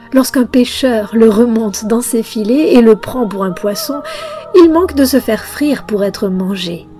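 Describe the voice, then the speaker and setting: A woman reads and comments on a classic tale in a soft, frequently whispered voice. She takes her time, letting each phrase settle at an unhurried pace. Faint music sits beneath her. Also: mid-range voice. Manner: soft, often whispered, measured delivery. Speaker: narrator. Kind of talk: read-aloud narration with commentary.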